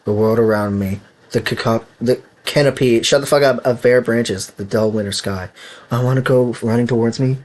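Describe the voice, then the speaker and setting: A young man with an Italian accent reads a visual novel aloud on stream at a normal speed and medium pitch, tripping over words and bursting into loud outbursts.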